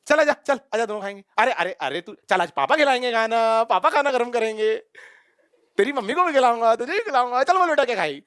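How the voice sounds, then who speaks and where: Male teacher doing a tired dad, soft and placating, bright tone. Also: very high voice, expressive, quick pace, smooth, dry recording, clean studio sound. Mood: coaxing. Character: tired middle-aged father calming his daughter.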